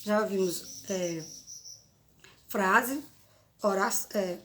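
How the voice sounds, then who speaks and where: A woman's voice: medium pitch, drawn-out words, a bit bright, a little hiss or hum. A woman teaching a grammar lesson, explaining through examples and checking in with frequent tag questions. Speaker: Portuguese teacher.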